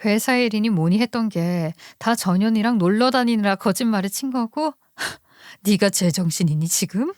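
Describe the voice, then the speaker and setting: A woman's voice: medium pitch, moderate pace, no echo, clean studio sound, natural voice. A woman voicing a furious, betrayed wife who curses and scolds sharply. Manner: sharp, cursing, indignant.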